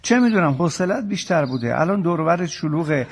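An actor playing a calm husband who coaxes and reassures his tearful wife. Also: a little high, slightly rough. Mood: coaxing. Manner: soothing, coaxing. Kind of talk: TV drama acting.

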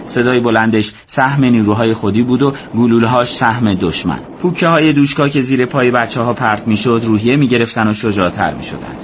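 A man narrating a war story as scripted audiobook narration, in a steady, measured way. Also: medium pitch, slight background noise.

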